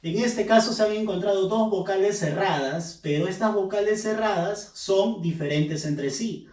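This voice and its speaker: A man's voice: high-pitched, normal speed, a little mellow. A male teacher giving a recorded review lesson, explaining patiently and repeating key terms. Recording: roomy echo, mic at a distance.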